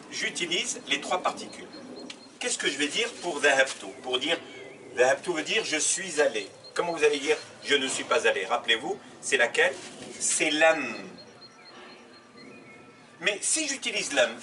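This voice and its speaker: A man teaching a grammar lesson, asking questions and answering them himself, repeating examples. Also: on the high side. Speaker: Arabic teacher. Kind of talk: classroom lesson explaining grammar. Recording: slightly distant mic, faint background noise.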